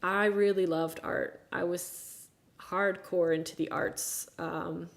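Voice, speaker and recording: A woman in her thirties from the United States hosts a relaxed live chat with her viewers. She speaks frankly and plainly. Her tone turns exasperated at times, with dry sarcastic asides. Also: lowish voice, slow, creaky. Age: 30s. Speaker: livestream host.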